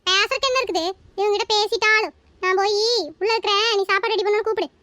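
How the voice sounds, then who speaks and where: Comedy skit: woman doing a scornful high-pitched mother-in-law, fast-talking, dry close mic. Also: fairly even intonation, sharp tone, dry recording. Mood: taunting. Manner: taunting, bossy. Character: sharp-tongued mother-in-law, older woman.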